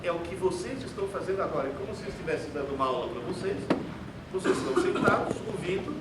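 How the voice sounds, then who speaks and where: Fast and theatrical, a high-voiced man lectures an auditorium in Portuguese, which isn't his native tongue, with big pitch swings and a sarcastic, emphatic edge. A distant mic in a roomy, echoey hall leaves the recording clearly noisy.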